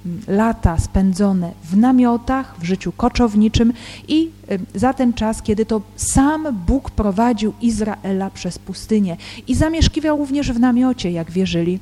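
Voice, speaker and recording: A woman acting as a Bible teacher, reading scripture aloud in a slow, deliberate way and then explaining it with some hesitant fillers. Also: fairly high pitch, lively intonation, dark tone. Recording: long reverb with faint background music.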